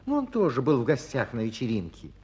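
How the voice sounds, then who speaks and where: An actor playing a playful magical storyteller, narrating a fairy tale in a theatrical, teasing and suspenseful way. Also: male voice, mid-range voice, huge pitch swings, brisk, darkish tone. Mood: confiding. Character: playful magical storyteller addressing listeners and characters.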